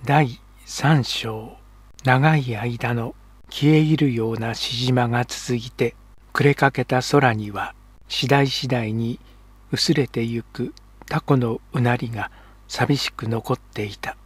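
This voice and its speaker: A man narrating historical fiction as an audiobook reader, in a calm, measured way. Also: mid-range voice, slightly rough, no echo.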